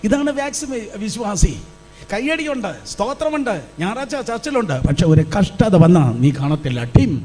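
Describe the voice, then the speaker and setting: Slight hiss or hum accompanies a man's high, somewhat mellow voice. He is a pastor in a church hall preaching an intense Pentecostal sermon, calling on the congregation to echo his words aloud.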